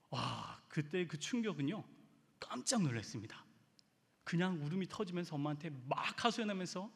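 A male pastor preaching a sermon in a large church hall, his husky, slightly higher-than-usual voice ringing out with a long reverb. He tells stories with great emotion, dropping to a near hush and then surging loud. His pitch rises and falls widely. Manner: emotional storytelling, swinging from hushed to sudden loud surges.

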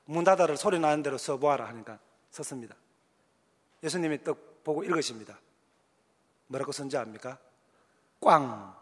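A man's voice: a little high, lively intonation, moderate pace, pauses often, fairly bright tone. A male pastor with a Gyeongsang accent preaching a sermon, telling the story with emphasis and acting out voices. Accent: Gyeongsang Korean. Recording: long hall reverb.

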